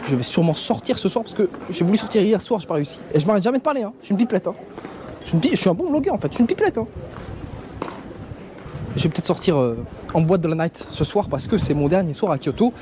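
A man's voice: high voice, sing-song, quick pace. Chatty Parisian man vlogging on the street. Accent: Parisian French. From France. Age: young adult. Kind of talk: casual chatty vlog. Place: busy traditional shopping street outdoors. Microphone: handheld camera at arm's length. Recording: street noise behind.

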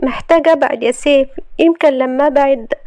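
A woman's voice: high-pitched, fast talker, pitched above the performer's own voice, lightly acted. A woman doing a furious betrayed young wife. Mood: pleading. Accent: Egyptian. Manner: shouting, sharp accusations.

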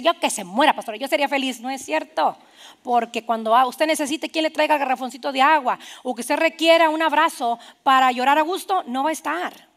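Woman pastor in her thirties, a high, gravelly voice, animated preaching with soft whispered asides. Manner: animated, quoting others in asides. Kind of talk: sermon.

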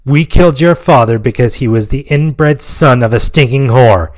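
A man voicing a dying, spiteful mercenary commander who stammers, gasps and shouts, weak and wounded. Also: mid-range voice, normal speed, lightly acted. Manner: gasping, stammering, rising to shouts.

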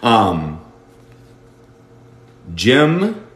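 A man teaching English in a livestream, switching between Spanish and English and stretching out words slowly to model sounds. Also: lowish voice, huge pitch swings, echoey room. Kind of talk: bilingual livestream English lesson.

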